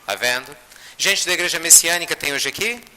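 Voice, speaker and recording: Bright-voiced man preaching. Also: on the high side, fairly quick. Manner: animated storyteller, frequent tag questions. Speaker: spiritist lecturer. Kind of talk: storytelling sermon. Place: lecture hall with audience. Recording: reverberant hall, faint noise.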